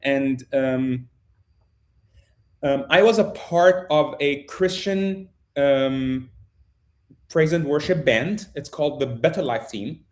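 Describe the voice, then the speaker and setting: A man in his thirties who was born in Jordan and grew up in Egypt talks over a video call. His voice sits at an ordinary middle pitch, and he pauses often, restarting his sentences with plenty of ums. He speaks as a casual interview guest. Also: a little mellow. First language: Arabic. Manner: halting, many ums and restarts. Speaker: guest, photojournalist.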